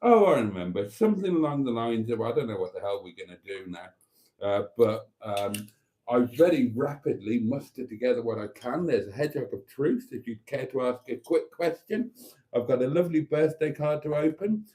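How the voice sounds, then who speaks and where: A man's voice: medium pitch, expressive, brisk, mellow, poor audio. A British man hosting a livestream in a campy drag-queen manner, rambling and cheeky, full of flustered exclamations, swearing and saucy innuendo. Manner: flustered, self-interrupting, sweary. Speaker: host of an after-party livestream.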